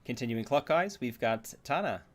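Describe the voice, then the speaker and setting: Male moderator, middle-pitched voice, casual conversational hosting. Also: expressive, normal speed. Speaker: host, moderator.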